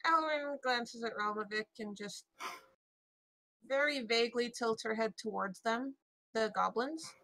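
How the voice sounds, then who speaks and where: Female tabletop player, slightly high voice, casual third-person narration of her character. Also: measured pace, a bit bright, poor audio.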